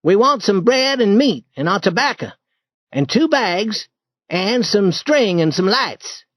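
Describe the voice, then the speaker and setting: A man voicing an eager, bold boy who leads an adventure in a storybook reading, in a lively and urgent manner. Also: high voice, measured pace, no room sound, voice pushed up, exaggerated voice. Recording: dull dry lo-fi recording.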